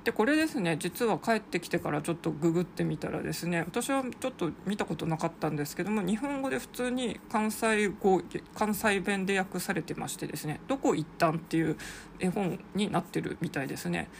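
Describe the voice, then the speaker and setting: A podcaster talking in a polite, rambling monologue, padding sentences with soft filler phrases. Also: medium pitch, expressive, fairly quick, gravelly, slight background noise. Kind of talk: casual solo podcast monologue.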